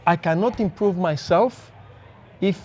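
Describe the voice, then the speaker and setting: A man's voice: sits high, unhurried, a little mellow. A man with a Greek accent, a neuroscientist guest speaking in an earnest, reflective way in a casual podcast conversation. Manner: earnest, reflective, explains with examples.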